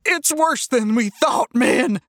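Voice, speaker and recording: A man's voice: high voice, moderate pace, breathy edge, dry recording, studio quality, voice pushed up. A man doing a shrieking, panicked young agent. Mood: shouting panic. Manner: shouting, theatrically panicked. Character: jittery young male agent faking panic.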